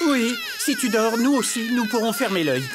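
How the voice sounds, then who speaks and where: A woman's voice: on the high side, lively intonation, moderate pace, noisy background, close to an everyday voice. A woman voicing a sleep-deprived young person who talks in a dry, exact way, in a French cartoon dub. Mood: weary. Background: cartoon music.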